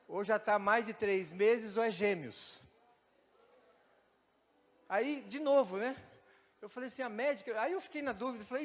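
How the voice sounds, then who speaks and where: A man with a Brazilian accent preaching a sermon, telling a personal story and acting out the dialogue. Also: sits high. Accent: Brazilian Portuguese. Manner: animated storytelling, acts out dialogue. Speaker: pastor. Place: church. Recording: church hall reverb with faint music.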